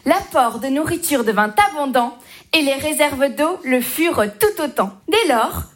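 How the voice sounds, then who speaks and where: A woman's voice: high-pitched, expressive, measured pace. A woman narrating a bawdy comic fable in rhyming verse, with a playful, sing-song delivery. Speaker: storyteller.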